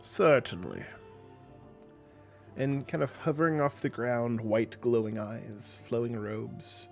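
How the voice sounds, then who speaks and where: A man's voice: medium pitch, a little slow, soft background music. A man narrating a tabletop game as game master in a casual, hedging way.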